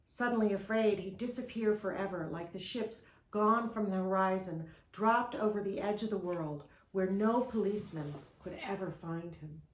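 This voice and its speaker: A woman gently and expressively reading a children's picture book aloud, with a roomy echo. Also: medium pitch, normal speed, few pauses.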